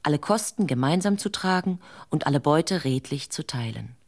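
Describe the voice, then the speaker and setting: A woman's voice: low voice, animated, normal speed, darkish tone. A woman reading a fairy tale as a radio story, dry and wry in her manner.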